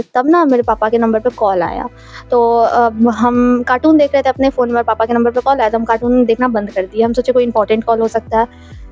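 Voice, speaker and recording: Chatty young woman telling a story. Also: on the high side. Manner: animated, chatty, acts out quoted lines. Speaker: vlogger. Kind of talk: casual storytelling vlog.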